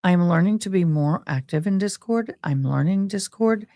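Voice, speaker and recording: A woman's voice: fairly low pitch, expressive, moderate pace, warm tone, no echo, studio quality. A woman hosting a livestream, chatting casually and directly to her viewers in a folksy way. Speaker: livestream host. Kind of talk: casual livestream chat and commentary.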